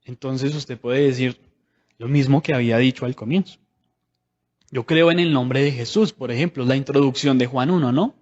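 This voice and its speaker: A man's voice: medium pitch, normal speed, darkish tone. Guy preaching casually, keeps asking the church questions, kinda muffled lo-fi sound. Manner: conversational, asks the congregation many rhetorical questions. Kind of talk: sermon.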